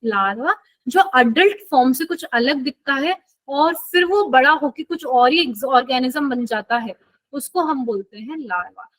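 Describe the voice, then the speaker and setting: A woman's voice: high voice, lively intonation, a little slow, a bit bright, low-quality recording. A woman teaching a live online biology class in a chatty way, often checking that students follow.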